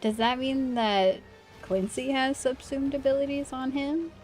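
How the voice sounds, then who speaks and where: A woman's voice: high voice, steady tone, measured pace, darkish tone, soft background music. A woman game streamer chatting casually with her viewers while she plays, often apologising. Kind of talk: casual livestream chat while gaming.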